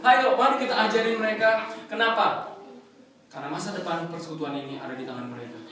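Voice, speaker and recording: A man from Indonesia preaching a sermon in a lively, joking way, drawing call-and-response from the congregation. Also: sits high, quick pace, far from the mic. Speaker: pastor. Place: church fellowship hall. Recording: echoey hall, mic from afar, congregation.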